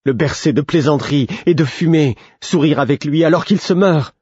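A man reading a furious young princess, pitched well above his own husky low voice and shouting with outrage. The audiobook reading is dry and slightly dull in tone. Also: normal speed, no room sound. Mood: enraged. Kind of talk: audiobook character voice.

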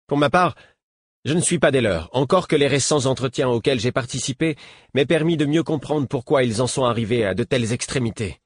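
A man's voice: medium pitch, brisk, breathy edge, no echo, close to an everyday voice. A man voicing a proud, vengeful woman rebel who speaks sharply and defiantly in an audiobook. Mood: curt.

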